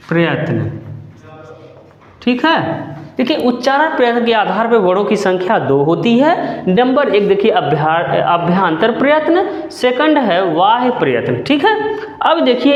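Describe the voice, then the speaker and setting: A male teacher giving a grammar lesson, repeating key terms slowly and asking the class questions. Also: high-pitched. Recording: dull echoey room, lo-fi.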